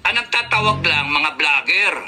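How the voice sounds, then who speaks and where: Man from the Philippines, furious cursing political rant, lecturing tone, fairly high voice, very tense and cutting. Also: animated, moderate pace, sharp tone, soft background music, low-quality recording. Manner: angry, cursing rant with repeated insults; mixes firm lecturing with outbursts. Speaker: military veteran commentator. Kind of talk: heated political commentary.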